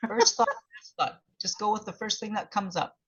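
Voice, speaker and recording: Female host, relaxed and chatty, dull video-call sound. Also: mid-range voice, normal speed, slightly rough. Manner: relaxed, chatty, laughs easily. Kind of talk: casual group chat.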